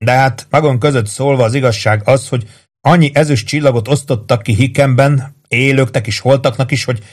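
A man's voice: mid-range voice, pitched above the performer's own voice, natural voice. A man reading aloud and voicing a boyish young air officer who speaks in a mournful, apologetic way. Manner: sheepish, mournful.

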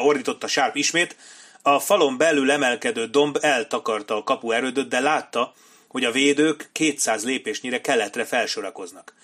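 A man reading a war novel aloud as an audiobook narrator, in steady, measured storytelling. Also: mid-range voice.

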